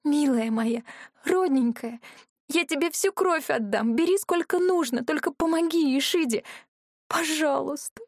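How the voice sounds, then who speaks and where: A woman voicing a desperate young heroine who pleads in a high voice, close to tears. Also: takes it slowly, a little mellow, no room sound. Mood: desperate pleading.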